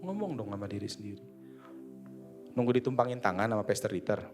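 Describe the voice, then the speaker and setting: Seorang pria berlogat Jakarta berkhotbah dengan santai dan akrab, sering memerankan percakapan dengan dirinya sendiri. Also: male voice, on the low side, lively intonation, quick pace, a little mellow, soft background music. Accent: Jakarta Indonesian. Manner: conversational, slangy, acts out inner dialogue. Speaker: preacher. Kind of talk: casual sermon. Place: church service.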